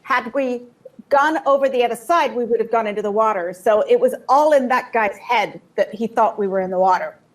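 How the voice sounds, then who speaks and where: Woman telling a story in short bursts. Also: a little high. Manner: vivid storytelling, pausing for translation. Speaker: guest speaker. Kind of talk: personal testimony with live interpreter.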